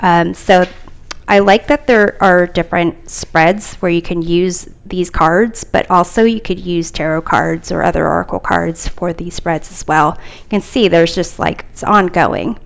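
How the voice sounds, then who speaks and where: Unhurried woman with a smooth voice. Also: on the low side. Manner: hesitant, frequent fillers, thinking aloud. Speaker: tarot deck reviewer. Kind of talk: casual unboxing chat.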